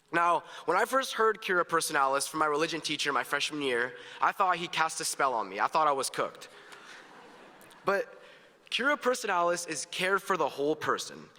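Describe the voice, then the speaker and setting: A man's voice: a little high, sharp tone. A teenage male student giving an earnest, upbeat graduation speech with jokes, in a large hall. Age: teens. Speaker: graduation speaker. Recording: echoey hall, long reverb.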